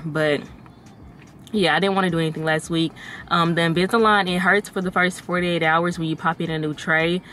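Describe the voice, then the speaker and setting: A woman's voice: sits low, a bit bright, slight background noise. Chatty young woman with a slight lisp. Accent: Southern US. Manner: chatty, laughs easily. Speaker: vlogger. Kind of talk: casual chat to camera.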